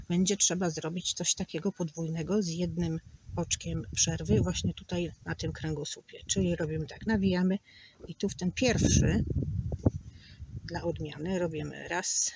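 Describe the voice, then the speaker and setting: Against a noisy background, a woman with a lowish voice leads a crochet tutorial. She counts stitches aloud with patience, now and then dropping almost to a whisper.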